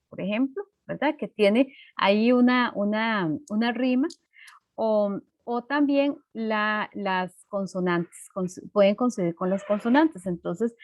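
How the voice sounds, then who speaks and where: A woman teacher giving an online class, explaining slowly with many fillers and tag questions. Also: mid-range voice, no room sound, muffled recording.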